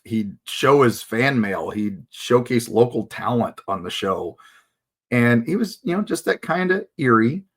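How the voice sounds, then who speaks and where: A man's voice: fairly low pitch, a bit bright. An American man in his fifties hosting a casual reminiscing monologue, talking in an informal, enthusiastic fan's manner. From United States. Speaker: host.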